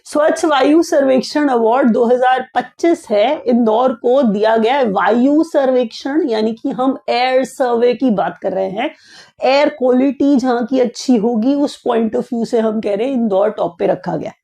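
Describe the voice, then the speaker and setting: A woman whose voice is a little high, mellow, and creaky speaks unhurriedly as she teaches exam prep conversationally. Each point gets repeated and restated, and she asks the listener questions along the way.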